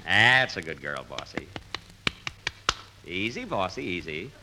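An actor playing a good-natured, bumbling husband trying farm life in a 1940s radio comedy. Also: male voice, sits low, big pitch swings, slow pace, heavily acted. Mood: muddled, soothing. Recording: very noisy old 1940s radio recording.

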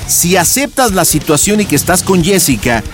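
Lively Mexican man hosting radio pranks. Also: high voice, moderate pace. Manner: lively, joking, shouts excitedly. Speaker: radio prank show host. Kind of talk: prank call radio banter. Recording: music bed under the voice.

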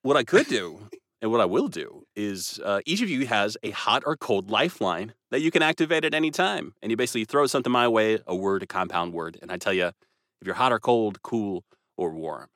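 A man hosting a casual podcast guessing game, explaining the rules in a lively, playful way. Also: fairly low pitch, brisk, dry recording, studio quality. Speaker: quiz host.

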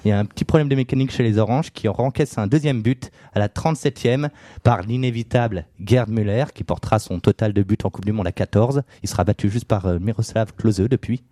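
A man's voice: lowish voice, fairly quick, mellow, no room sound, studio quality. A man on a casual podcast, telling football history in a loose storytelling way, with many fillers and jokes. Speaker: podcast co-host.

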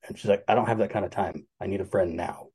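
A man in his forties chats as a guest on a podcast, relaxed and musing, hesitating now and then. His voice is very deep and gravelly, with a husky, dark tone. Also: fast, low-quality recording. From Alaska. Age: 40s. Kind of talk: casual conversation.

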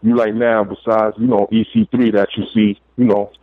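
Low-voiced Brooklyn man on a phone line. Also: little pitch movement, moderate pace. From Brooklyn, New York. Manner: hesitant, peppered with "you know". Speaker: phone-in caller. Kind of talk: casual chat. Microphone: telephone. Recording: narrow tinny phone line.

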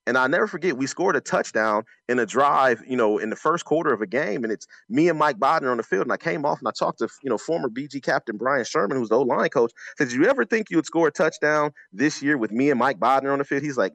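Speaking with a medium, slightly bright voice and no echo, this former college running back turned sports announcer breaks down the game conversationally. He stresses his points, repeats himself, and draws on stories from experience.

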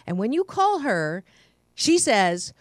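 A woman's voice: fairly low pitch, normal speed, no room sound. A middle-aged woman hosting a talk show in a bubbly, effusive way, with frequent laughter. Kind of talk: casual interview chat.

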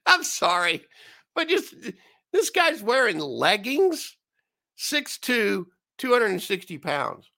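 A man's voice: high-pitched, sing-song, takes it slowly, vocal fry, sharp tone. A man hosting a solo commentary show, ranting with sarcastic, mocking asides.

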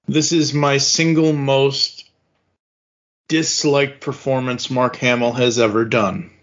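A man co-hosting a podcast, speaking in a deliberate, critical way and searching for words. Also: medium pitch, slight background noise. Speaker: podcast co-host. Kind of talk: casual podcast chat. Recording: dull lo-fi podcast audio.

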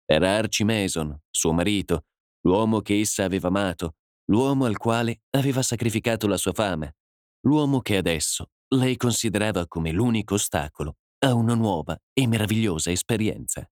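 A man narrating a dramatic story as an audiobook, in a measured, dramatic way. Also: lowish voice, no echo, studio quality.

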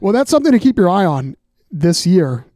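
A man's voice: high-pitched, sing-song, brisk, dark tone, dry recording, studio quality. A man co-hosting a casual sports podcast, laid-back and joking. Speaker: podcast co-host.

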